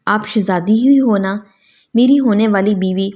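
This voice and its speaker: A woman voicing a kind, patient young man who speaks calmly in a storybook reading. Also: medium pitch, natural voice.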